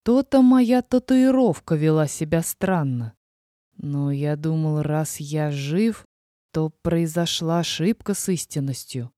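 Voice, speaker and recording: A woman voicing a gruff, brooding male dragon with a low, hoarse growl and heavy, threatening delivery. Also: expressive, a little slow, mellow, no room sound, clean studio sound. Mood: troubled.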